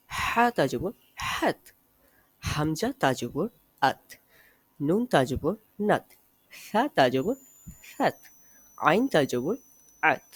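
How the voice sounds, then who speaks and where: Slow, husky-voiced male Arabic drill teacher. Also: a little high, dry recording. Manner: slow, deliberate letter-by-letter recitation. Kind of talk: spelled-out letter drill lesson.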